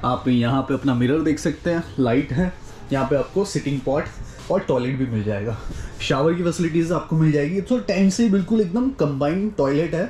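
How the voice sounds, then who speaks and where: Chatting as he walks around a hillside campsite, this young travel vlogger slips English words into his speech. He talks at normal speed in a slightly high, slightly mellow voice, with faint outdoor noise in the recording.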